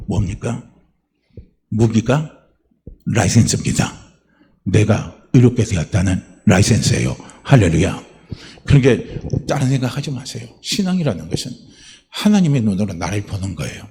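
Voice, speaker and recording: A man's voice: lowish voice, big pitch swings, moderate pace, warm tone, a little hiss or hum. A middle-aged man, a pastor, preaching a sermon, firing rhetorical questions at the congregation and acting out the voices he quotes. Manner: acts out quoted voices in a raised tone.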